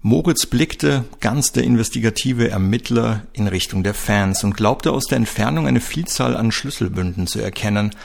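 Steady male narrator for a radio-style crime serial, low-pitched and gravelly. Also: moderate pace, few pauses. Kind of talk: scripted audio-drama narration.

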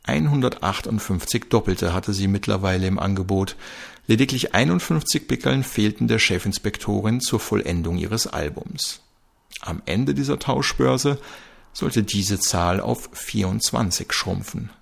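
A man reading a crime story aloud in a calm, measured way. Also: fairly low pitch, gravelly. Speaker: audiobook narrator.

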